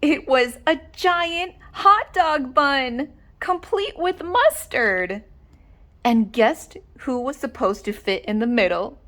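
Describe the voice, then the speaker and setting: A woman reading a children's story aloud with dramatic, deliberate expression. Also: high-pitched, lively intonation, a bit bright. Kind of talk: animated read-aloud narration.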